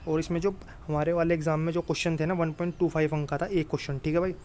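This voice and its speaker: A rapid-fire male tutor with a fairly high, slightly mellow voice keeps a level tone and very level intonation throughout. His exam coaching is informal and familiar, with repeated brotherly check-ins to listeners, and the recording carries clear background noise, making it slightly noisy.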